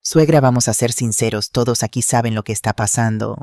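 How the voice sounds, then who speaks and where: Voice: medium pitch, brisk, darkish tone, dry recording, clean studio sound, lightly acted. A storyteller voicing a scheming young woman who speaks with thinly veiled venom. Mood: sneering. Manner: mocking, accusing.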